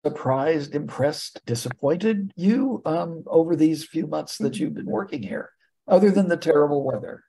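An American man hosting a casual interview, with a halting manner, repeating words as he forms his questions. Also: on the high side, mellow, husky, rough recording. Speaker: podcast host, interviewer.

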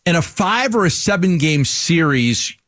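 A man co-hosting sports talk radio, laying out his points in an analytical, measured way. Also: on the high side, lively intonation, fairly bright tone, no room sound, clean studio sound.

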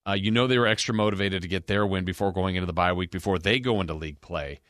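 A man's voice: low voice, fast, a bit bright, no room sound, studio quality. An American man hosting a sports podcast, giving a conversational, emphatic recap and analysis of football games. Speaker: sports podcast host and game broadcaster.

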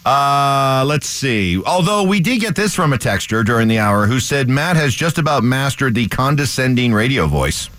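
A man hosting a morning sports radio show, upbeat and bantering quickly with his co-host. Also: medium pitch, big pitch swings, fairly bright tone, no room sound.

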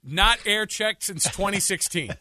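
Male radio co-host, bright and lively, rambling jokey banter, dry studio sound. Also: high voice, measured pace, dry recording. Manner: joking, rambling, restarts often.

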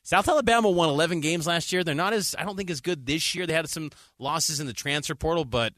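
A man's voice: on the high side, fast talker, fairly bright tone, no room sound, studio quality. A man co-hosting a sports podcast, previewing games in an easygoing, jokey way. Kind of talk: casual sports talk.

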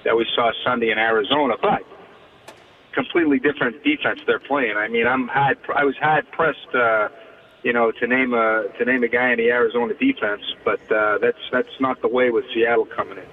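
A man's voice: mid-range voice, fairly even intonation, fairly quick. A man calling in as a team reporter guest on a sports show, giving rambling, hedging answers. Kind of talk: phone-in sports interview. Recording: tinny phone line.

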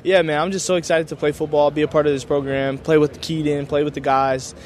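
A man's voice: a little high, little pitch movement, a little fast, slight background noise. A young man, a college football player, answering media day questions in an enthusiastic, grateful, casual way with lots of filler words. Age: young adult.

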